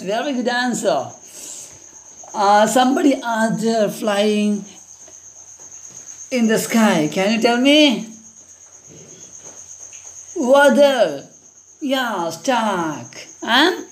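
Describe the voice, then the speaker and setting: A woman with a Malayali accent teaching an online primary school lesson, asking questions and praising answers. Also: a little high. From India. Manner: slow, coaxing, asks children questions and praises answers.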